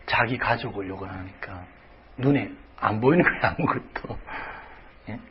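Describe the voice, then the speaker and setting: A man's voice: lowish voice, normal speed, muffled recording, a little hiss or hum. A male pastor preaching a sermon dramatically, dropping to whispers and rising to cries.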